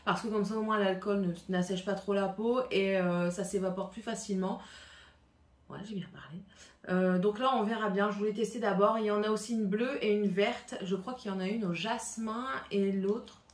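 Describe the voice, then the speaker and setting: A woman's voice: medium pitch, steady tone, normal speed. A French-accented woman vlogging at home, chatting casually through a shopping haul, rambling with many fillers and restarts. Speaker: beauty vlogger. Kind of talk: casual haul chat to camera. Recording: echoey room, faint noise.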